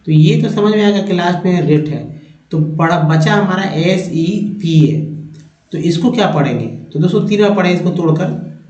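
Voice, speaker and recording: A man with a fairly high voice gives an unhurried spoken lesson on English spelling and pronunciation. He says each word three times and keeps checking in with his viewers. The recording is roomy and somewhat dull and lo-fi. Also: a little mellow. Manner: slow and deliberate, repeats words three times; addresses viewers as friends, often checks with "ठीक है". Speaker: English teacher.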